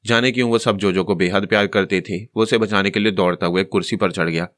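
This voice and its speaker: A man with an Urdu accent narrating a novel as an audiobook, voicing every character himself in a steady storytelling manner. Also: sits low, quick pace, no room sound, clean studio sound.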